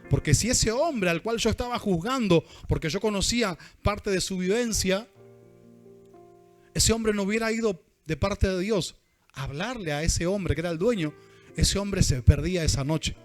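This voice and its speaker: High-voiced Argentine preacher, animated. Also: male voice, moderate pace, soft background music. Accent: Argentine Rioplatense Spanish. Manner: animated, calls questions out to the congregation. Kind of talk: sermon.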